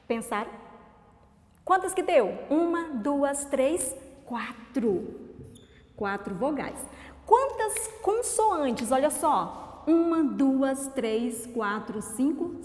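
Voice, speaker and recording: A woman teacher with a Brazilian Portuguese accent giving a recorded lesson to children, talking in an animated, sing-song, coaxing way. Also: high voice. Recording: echoey, reverberant room.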